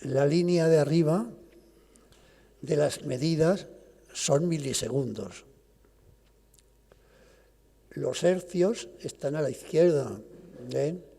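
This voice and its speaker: An older man gives an academic lecture to an audience, explaining patiently and often stopping to restart his phrases. His gravelly, husky voice is mellow and dark yet fairly high-pitched, slow, and full of long pauses, with the long reverb of a lecture hall around it.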